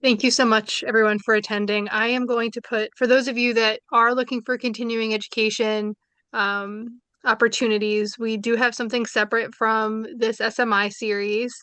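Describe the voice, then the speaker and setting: A Brooklyn woman with a New York accent, an adult with young children, moderates a seminar and gives closing remarks to wrap up a webinar over a video call. Chatty and enthusiastic with many fillers, she speaks at a moderate pace in a slightly high, fairly bright, clear and resonant voice with flat delivery. The recording is dry.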